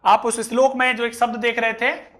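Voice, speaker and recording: A man teaching a grammar lesson, reciting a verse slowly and then explaining it word by word. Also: very high-pitched, level tone, pushed and bright.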